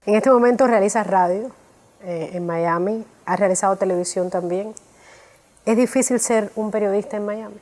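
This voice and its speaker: A woman interviewer, the show's host, putting measured questions to her guest. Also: mid-range voice, a little mellow.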